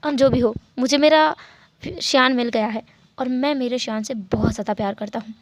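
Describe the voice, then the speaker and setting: A composed young husband who speaks slowly and softly, gently teasing, as a woman voices him in a story reading. The voice itself is high. It is recorded close and dry. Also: steady tone, no room sound, natural voice. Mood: tender. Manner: slow, unhurried, soft-spoken.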